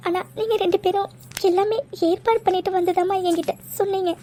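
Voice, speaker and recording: A woman's voice: very high voice, steady tone, fairly quick, a little hiss or hum. A woman voicing a tearful young bride. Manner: crying, pleading, stammering. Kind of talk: cartoon voice acting.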